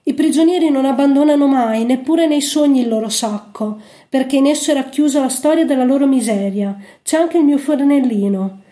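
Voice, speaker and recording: A woman with a high voice reads a story aloud, gentle and unhurried. Her tone is mellow and soft rather than bright. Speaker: narrator. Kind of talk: storybook reading.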